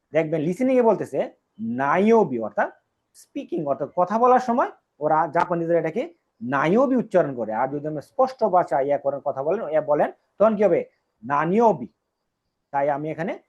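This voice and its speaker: A man teaching a Japanese lesson, explaining step by step and repeating each phrase. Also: a little high. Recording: dull lo-fi recording.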